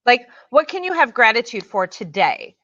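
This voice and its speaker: A woman's voice: a little high, very animated, normal speed, pushed and bright, no echo, highs cut off. A woman business coach chatting animatedly on a live video panel, full of "like" and "you know". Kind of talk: casual panel chat.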